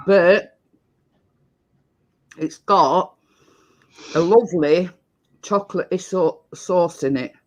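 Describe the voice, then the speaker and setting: A woman hosting a home baking live stream talks in an easygoing, unhurried way. She circles back and repeats herself as she explains. Her delivery is loose and chatty. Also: lowish voice, darkish tone. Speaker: baking show co-host. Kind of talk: casual live-stream chat.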